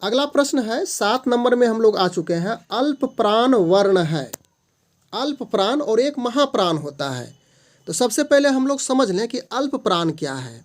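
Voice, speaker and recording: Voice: medium pitch, very animated, normal speed. A tutor explaining multiple-choice grammar questions, patiently repeating definitions and sounding out single letters and syllables one at a time. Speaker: online tutor.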